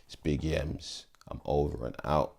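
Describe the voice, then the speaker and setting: A man's voice: rumbling low, steady tone, unhurried, gravelly, a little mellow. A young man giving casual, slangy fight predictions in an emphatic, pleading way. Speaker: MMA vlogger.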